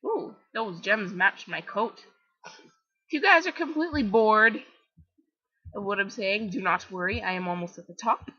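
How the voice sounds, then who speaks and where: This gaming vlogger, a teen girl from Canada, has a medium-pitched, bright, forceful voice with a breathy edge and a Canadian accent. She's expressive but unhurried, rambling chattily and self-mockingly about her game in a slightly dull lo-fi home recording.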